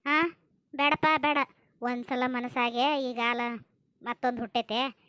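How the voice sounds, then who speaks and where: A woman with a North Karnataka accent acting in a family comedy skit, chatty, brisk and plain-spoken. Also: fairly high pitch, steady tone, pushed and bright, clear, resonant tone, dry recording, lo-fi sound. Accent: North Karnataka Kannada.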